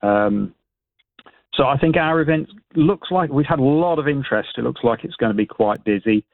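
A British man speaking as an expert guest in a radio interview, explaining informally in a hesitant, halting way with repeated words over a phone line. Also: medium pitch, expressive, no echo. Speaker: astronomy expert and event organiser, radio guest. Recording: band-limited tinny phone line.

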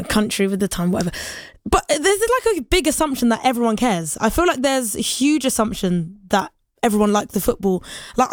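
A woman's voice: on the high side, no room sound, studio quality. A woman presenting a local radio show, chatting casually and musing aloud before inviting listeners to text in. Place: radio studio.

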